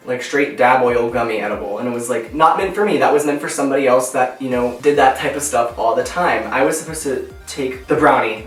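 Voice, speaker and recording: A young man telling a long personal story to camera in a casual, animated way, acting out the people in it. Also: mid-range voice, distant mic. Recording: roomy echo, a bit off mic.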